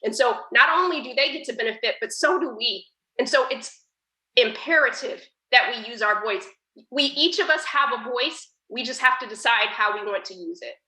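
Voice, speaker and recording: A woman's voice: on the high side, moderate pace, bright, forceful tone, reverberant, poor audio. A woman giving an earnest, emotional personal account as a guest speaker on a panel. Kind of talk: personal testimony in a panel talk.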